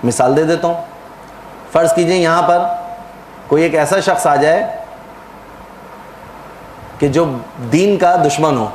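A man's voice: on the high side, long pauses, echoey room, a little hiss or hum, rough recording. A man giving a religious lecture in a sermon style, explaining at length and putting questions to the audience before answering them himself.

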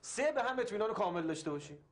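A man's voice: high-pitched, very animated, crowd noise. An actor playing an eager man full of plans, in a TV drama. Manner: eager, planning. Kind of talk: TV drama acting.

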